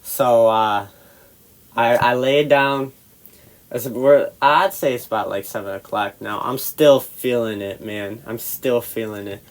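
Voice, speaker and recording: A man telling a casual personal anecdote in a halting, rambling way, full of fillers and restarts, getting animated in the heated parts. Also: medium pitch, low-quality recording. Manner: animated, swings louder when retelling the argument.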